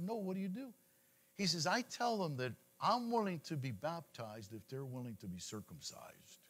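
Middle-aged male preacher, high and lively voice, casual sermon with many restarts. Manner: animated, conversational preaching with frequent repetitions. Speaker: congregation leader.

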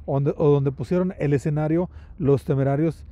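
Chatty man, mellow voice. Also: fairly high pitch, fairly even intonation, normal speed, no room sound, far from the mic, dull audio. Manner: chatty, frequent restarts and tag questions. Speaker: host, former band member revisiting an old venue. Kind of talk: casual on-location chat.

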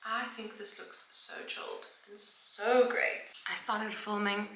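A woman's voice: on the high side, extremely slow, a crowd in the background. A young South African woman chatting casually to her phone camera in a vlog, playful and laughing at herself, sometimes dropping to a near-whisper. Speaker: vlogger. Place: room at home, indoors. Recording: echoey room.

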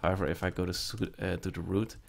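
Brief: male tutorial presenter, deep gravelly voice, relaxed walkthrough with fillers. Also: fast talker. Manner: casual step-by-step explaining with fillers. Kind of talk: screen-recorded tech tutorial.

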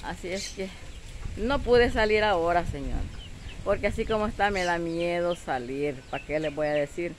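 A woman's voice: lowish voice, moderate pace, slight background noise. Chatty Salvadoran woman filming outdoors. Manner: chatty, keeps calling on viewers to look, with frequent "¿verdad?". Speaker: vlogger. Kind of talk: casual chat to viewers while filming. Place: outdoors at a rural home on a windy day.

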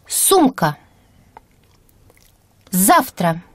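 Woman reading single words, slow and lilting. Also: mid-range voice, sing-song, fairly bright tone, dry recording. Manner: clear deliberate enunciation of single words. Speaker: native-speaker model reader. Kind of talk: slow careful word-by-word reading.

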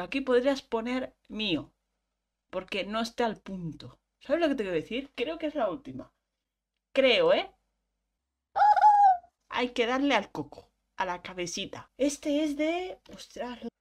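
A woman's voice: on the high side, lively intonation, a little slow, long pauses, a bit bright. A young woman, chatting casually and thinking aloud as she explains quiz answers. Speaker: vlogger.

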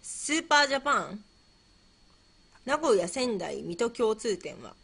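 A woman hosts a relaxed livestream, answering quiz questions in a playful, scatterbrained way and thinking out loud. Her voice is bright and sits a bit high. Her pitch swings widely from line to line. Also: measured pace, gravelly, husky. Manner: playful and scatterbrained, musing aloud and repeating herself. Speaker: livestream host. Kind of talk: casual livestream chat, answering quiz questions and reading viewer comments.

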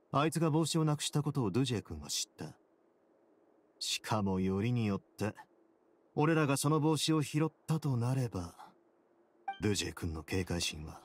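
A man voices a composed, shrewd prison duke in an anime game, explaining things calmly, confidently and in a measured way. His mid-range voice sounds close to an everyday speaking voice, and there's a little hiss or hum.

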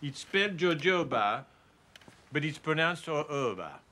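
A man's voice: a little high, big pitch swings, moderate pace, sharp tone, heavily acted. An actor playing a bumbling, pompous male police inspector who fusses over pronunciation in a comedy film.

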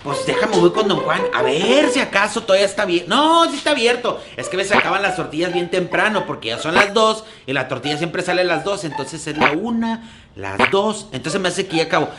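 A man's voice: sits high, sing-song, brisk, heavy background noise. A man playing a silly, forgetful clown in a children's comedy skit, rambling and repeating himself with a Mexican accent. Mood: chatty, rambling. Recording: loud music under the voice.

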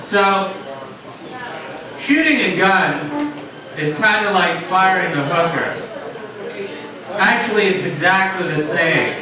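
A man in his thirties doing a stand-up set in a dark pub on a handheld mic, with slow, deadpan joke delivery and asides to the crowd. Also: sits high. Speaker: stand-up comedian. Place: dark small pub stage with audience. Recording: echoey pub heard from far off. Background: audience chatter and laughter.

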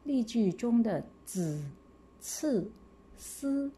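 Slow, patient woman teacher. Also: fairly high pitch, animated, mellow, slight background noise. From Malaysia. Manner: slow, drawn-out model reading for pupils to repeat. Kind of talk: slow classroom pinyin lesson.

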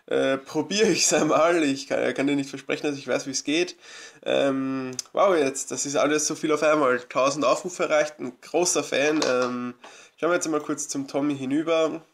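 A gravelly, slightly higher-pitched man talks through a management game as a let's play host. His commentary is loose and rambling, with lots of hesitations and restarts. He comes across as eager and thankful toward his audience. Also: moderate pace. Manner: chatty, rambling, many fillers and restarts; grateful, eager. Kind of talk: casual gameplay commentary.

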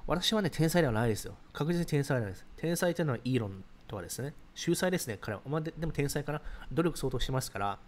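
A man in his thirties hosts a casual livestream, reading viewer comments aloud and answering them rapidly and chattily, explaining ideas as he reacts. His voice is on the high side and animated, with slight background noise.

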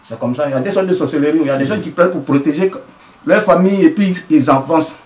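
This traditional healer answers interview questions at a quick pace, his slightly high voice a little mellow. He talks with earnestness but keeps cutting himself off to begin again, all in a recording with noticeable room echo.

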